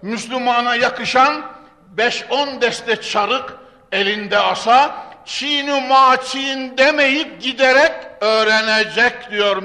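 A man preaching into a pulpit microphone in a big hall, his high voice ringing out with a long reverb. His tone is bright and forceful. He declaims scripture in a sing-song cadence, then sinks to a hushed, earnest murmur. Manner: declaims Arabic quotations, drops to hushed earnest tones. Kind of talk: sermon.

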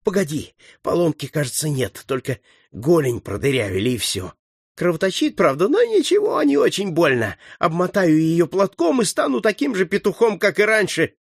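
A man's voice: high-pitched, very animated, normal speed, creaky, husky, no room sound, studio quality, pitched above the performer's own voice, full character voice. A man voicing a plucky, cheeky boy sidekick who talks in jaunty wisecracks. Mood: joking bravado.

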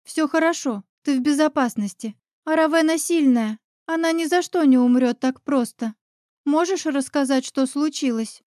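A woman voicing a calm, gentle young witch who speaks softly and soothingly, in a storybook reading. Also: high voice, fairly quick, few pauses, no room sound, clean studio sound, natural voice. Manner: soft, soothing.

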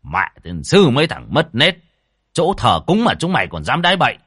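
A man's voice: medium pitch, wildly swooping pitch, normal speed, a bit bright, slightly rough, dry recording, studio quality, voice pushed up, exaggerated voice. A man voicing a stern, experienced older village man who scolds bluntly. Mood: scolding.

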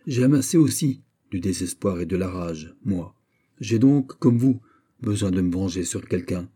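A man voicing a proud, menacing English duke who speaks forcefully and challengingly, in a storybook reading. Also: sits low, animated, moderate pace.

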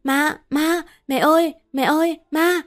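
A woman's voice: on the high side, lively intonation, unhurried, soft background music. A woman voicing Sinh, a frightened young daughter-in-law who screams and pleads in panic. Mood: terrified.

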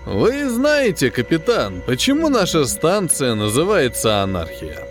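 A man reading an audiobook, voicing a plump, smug male space-station quartermaster who talks in a condescending, falsely sympathetic, drawn-out way. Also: fairly high pitch, sing-song, over music, voice pushed up. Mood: condescending, lecturing. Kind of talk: audiobook character voice.

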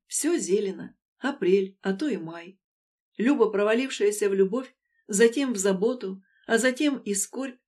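Brief: a female audiobook reader, a bit higher-pitched than most, with measured, emotive storytelling. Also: darkish tone. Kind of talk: scripted audiobook narration.

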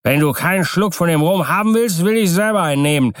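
Man doing a drunk sailor, rowdy, slurred, pitched up, dry sound. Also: lively intonation, fast, dry recording. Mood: scornful. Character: drunk, defiant male sailor, coarse and boastful.

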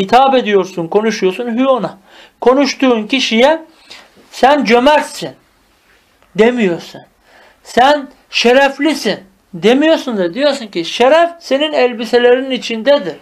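A man teaching a lesson. He reads classical phrases, explains each one, and asks himself questions that he then answers. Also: very high-pitched. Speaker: Arabic teacher. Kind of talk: madrasa-style text reading and explanation.

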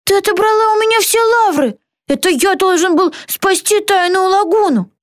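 A woman's voice: sits high, fairly even intonation, unhurried, dry recording, studio quality, voice pushed up. A woman playing a cocky little seahorse. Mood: aggrieved. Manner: cocky, boastful.

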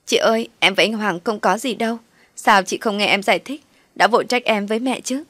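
A woman's voice: mid-range voice, a little fast, a bit bright, dry recording, close to an everyday voice. Woman doing a sly, whiny younger sister. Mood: pleading. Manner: whiny, pleading.

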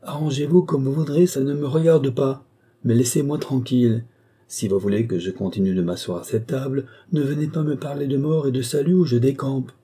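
A man reading aloud, voicing a boisterous older country gentleman who talks loudly and exclaims often. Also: medium pitch, a little fast, husky, voice pushed up, lightly acted. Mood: defiant, insolent. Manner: loud, blustering, exclamatory.

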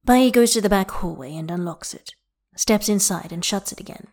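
A woman reads fiction aloud at a mid pitch, steady and measured. Her delivery is even and unhurried. It is plain audiobook narration.

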